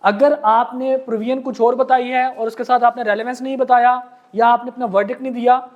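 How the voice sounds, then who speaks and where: A man's voice: very high-pitched, flat delivery, narrow, tinny audio. A man with a Pakistani accent teaches a law class. He explains carefully and patiently, calling his students beta and janab. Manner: explains slowly, reads case text word by word. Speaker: law lecturer. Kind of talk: classroom lecture.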